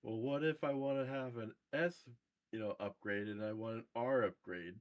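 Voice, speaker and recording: A young man chatting casually over group voice chat while gaming, hesitant and halting with lots of fillers. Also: medium pitch, no echo. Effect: heard over group voice chat.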